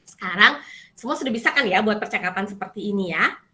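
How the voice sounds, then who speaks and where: Bright-voiced woman teaching a class. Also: medium pitch, a little fast. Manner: lively, corrects and coaches students, switches between Indonesian and Japanese. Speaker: Japanese language teacher. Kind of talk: online class instruction.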